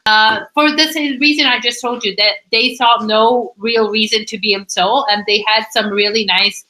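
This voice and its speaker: A woman hosting a casual livestream chat, lively and playful as she explains. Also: fairly high pitch, normal speed, low-quality recording. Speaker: host.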